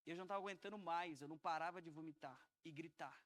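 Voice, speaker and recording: A man's voice: a little high, fast, fairly bright tone. Earnest Brazilian man preaching. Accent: Brazilian Portuguese. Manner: earnest, emotional, addresses listeners as brothers and sisters. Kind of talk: sermon testimony.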